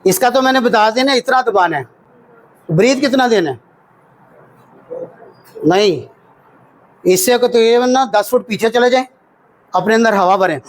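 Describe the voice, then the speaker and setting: A man with a high voice and a Pakistani Urdu accent teaching a hands-on CPR workshop. He drills counts out loud and keeps quizzing the class. He speaks in a training room full of students. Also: low-quality recording.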